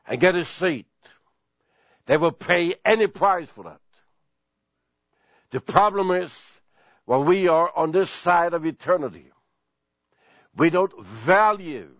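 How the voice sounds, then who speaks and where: Male pastor, sermon delivery, slow and emphatic, dry lo-fi sound. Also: mid-range voice, dry recording. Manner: slow, deliberate preaching with emphatic repetition.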